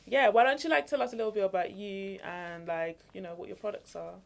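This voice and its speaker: A woman's voice: medium pitch, steady tone, fairly quick, vocal fry. A woman co-hosting a podcast in casual chat. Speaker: podcast co-host.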